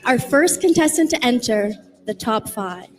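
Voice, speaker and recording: High, slow-talking woman pageant host. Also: lively intonation, faint music behind. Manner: slow, drawn-out reveals. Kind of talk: live pageant announcing.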